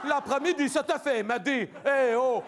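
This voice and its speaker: A man's voice: very high-pitched, moderate pace, creaky, noisy background. Man playing a fretful housewife. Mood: exasperated. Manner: rambling, repetitive, exasperated grumbling. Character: fretful chatty middle-aged Belgian housewife, a mother. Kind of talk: comic stage monologue.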